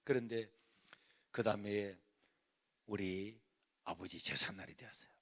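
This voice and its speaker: A man preaching a revival sermon in a Gyeongsang dialect, telling a lively personal story and acting out family quarrels. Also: fairly low pitch, measured pace, creaky. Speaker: pastor. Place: church sanctuary.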